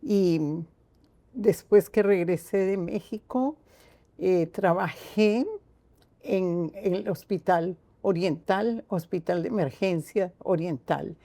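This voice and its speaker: An older woman from Costa Rica with a Costa Rican accent, a guest telling her own story slowly and earnestly, with many pauses. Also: fairly low pitch, dark tone, dry recording. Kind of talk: reflective personal storytelling.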